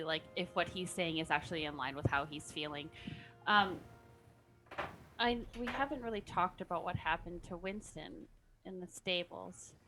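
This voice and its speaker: A woman taking part in a tabletop game, speaking with gentle concern to another player's character. Her voice sits a bit low for a woman. Music plays clearly behind her. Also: low-quality recording. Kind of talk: in-character tabletop role-play.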